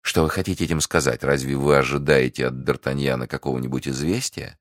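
A man voicing a scheming, manipulative French noblewoman who fakes warmth, talking in a feverish, insistent way. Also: very deep voice, fairly even intonation, quick pace, no room sound, clean studio sound. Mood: gushing.

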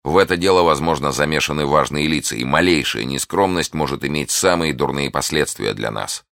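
A man's voice: extremely low pitch, brisk, vocal fry, a bit bright, no echo, studio quality, exaggerated voice. A man voicing a bold young guardsman who speaks urgently and earnestly. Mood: earnest commanding. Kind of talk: audiobook character voice.

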